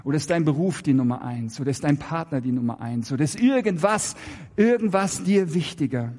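A man preaching a sermon, emphatic and full of rhetorical questions, swinging between raised and hushed delivery. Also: a little high, animated, a little fast, in a large hall.

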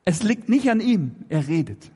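A man preaching a sermon, emphatic and full of rhetorical questions, swinging between raised and hushed delivery. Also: high-pitched, sing-song, moderate pace, slightly rough, big-room sound.

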